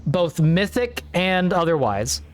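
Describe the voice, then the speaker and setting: A man's voice: sits high, very animated, slow, soft background music. A man streaming a story game, talking in a rambling, offhand way and swearing casually. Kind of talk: casual let's-play commentary.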